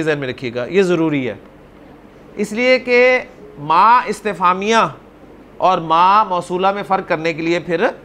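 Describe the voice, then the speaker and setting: A man teaching an Arabic grammar class, explaining patiently, calling on students by name and repeating words slowly. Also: high voice, sharp tone, a little hiss or hum.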